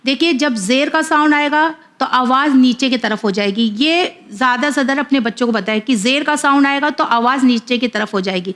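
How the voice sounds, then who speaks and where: A woman teacher giving a children's Quran reading lesson. She drills each syllable slowly and clearly, then explains the rules in quick asides. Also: high voice, a bit bright.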